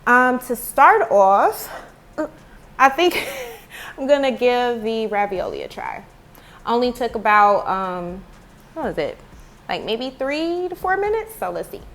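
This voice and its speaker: Chatty woman reviewing food, bright voice. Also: on the high side, sing-song, slow, pauses often. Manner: chatty, talks to viewers as y'all. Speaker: food vlogger. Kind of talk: casual product review. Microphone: earbud headphone mic.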